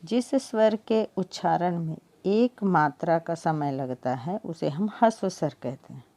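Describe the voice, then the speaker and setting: Slow, soft-voiced woman teaching grammar. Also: lowish voice, animated. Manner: slow, repeats key answers as questions. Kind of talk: exam-prep lesson.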